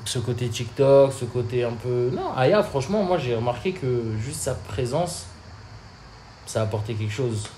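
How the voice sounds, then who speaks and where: A man's voice: medium pitch, normal speed. A young man chatting casually as co-host, rambling and slangy. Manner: relaxed, rambling with fillers and slang. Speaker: podcast co-host. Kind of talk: casual chat. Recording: echoey room, faint ambient noise.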